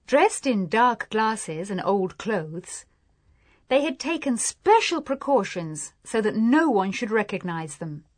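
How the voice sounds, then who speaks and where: Woman, language lesson narrator, slow, expressive intonation, dry close recording. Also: medium pitch, no room sound. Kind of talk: scripted lesson reading.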